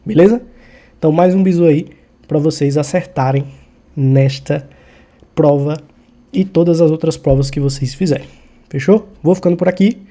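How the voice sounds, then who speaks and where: A man with a fairly high but very mellow, dark-edged voice walks through grammar rules like a relaxed tutor. He keeps it informal and stops often to make sure the listener is following. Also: moderate pace, pauses often. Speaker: exam-prep Portuguese teacher. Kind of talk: casual explanatory lesson.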